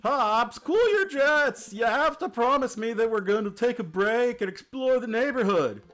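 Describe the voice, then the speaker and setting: A man voicing a sarcastic teenage girl in her last year of high school, teasing her dad with deadpan quips in a game playthrough. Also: normal speed, faint music behind. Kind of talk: playthrough voice acting.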